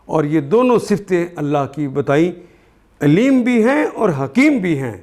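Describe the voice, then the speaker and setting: An older man with a Pakistani Urdu accent gives a word-by-word Quran translation lesson. His voice sits somewhat high, and he speaks slowly and deliberately, repeating each term as he explains it. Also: very animated, a little mellow. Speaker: Quran teacher.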